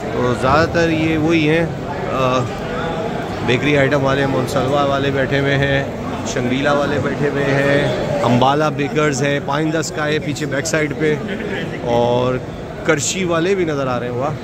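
A man's voice: mid-range voice, steady tone, a little slow. A man with a Pakistani Urdu accent vlogs a walking tour of an exhibition in casual commentary, complaining at times and admiring at others. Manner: chatty, complaining then admiring. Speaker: vlogger. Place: busy exhibition hall, outdoors at the gate first. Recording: loud background crowd noise.

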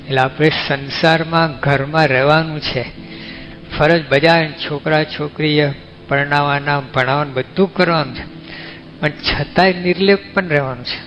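A man's voice: on the high side, fairly even intonation, normal speed, a bit bright, slight background noise. A man with a Gujarati accent, giving a folksy, conversational sermon as a monk, often asking his listeners questions. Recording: dull lo-fi recording with faint music.

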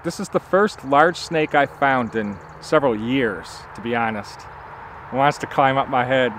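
A man's voice: mid-range voice, normal speed, noisy background. A man in his forties, a nature vlogger, talking casually and enthusiastically to a handheld camera at arm's length outdoors at a forest campsite, with plenty of fillers as he thinks aloud. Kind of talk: casual outdoor vlog narration.

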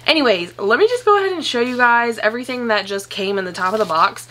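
A young woman at home chatting casually through an unboxing, gushing and excitable, swearing now and then. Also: fairly high pitch, quick pace, slight background noise. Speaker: plant vlogger.

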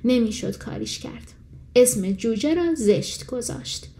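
A woman reading a fairy tale as an audiobook narrator, in calm, measured storytelling. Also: a little high, creaky.

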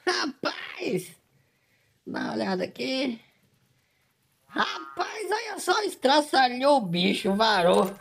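An overexcited man narrates his hunting game play by play. He talks in bursts of exclamations and keeps calling out to his audience, his emotional energy running high all the way through. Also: a little hiss or hum. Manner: exclamatory, emotional, fills lines with "rapaz". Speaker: gaming channel host. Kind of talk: excited hunting-game commentary.

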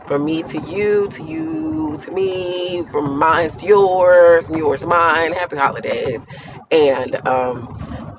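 A woman in her thirties vlogging from her car, chatty and rambling with lots of fillers, on a phone camera on the dashboard. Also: deep voice. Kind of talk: casual car vlog talk. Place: inside a parked or moving car. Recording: faint car and road noise.

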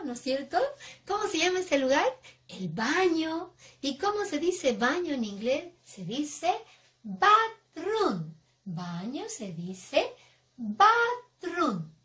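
Young woman teaching little kids english words, high voice, bouncy and slow, really exaggerated. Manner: exaggerated, expressive, acting out emotions for kids. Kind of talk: children's lesson, sing-song teaching.

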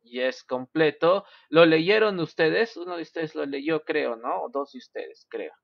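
A man teaching an English class online, speaking slowly, mixing Spanish and English, and often saying "ok". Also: on the high side, expressive, creaky, no room sound. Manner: switches between Spanish and English, slow and careful, repeats "ok". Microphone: video call. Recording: dull lo-fi video call audio.

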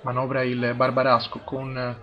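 A man's voice: medium pitch, monotone, measured pace, dull audio. Italian man calling football, crowd behind. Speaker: football match commentator. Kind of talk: live football play-by-play commentary. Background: crowd at a football ground.

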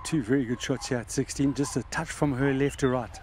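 Man commentating live golf, average pitch, noticeable outdoor noise in the background. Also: steady tone, brisk. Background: outdoor course ambience.

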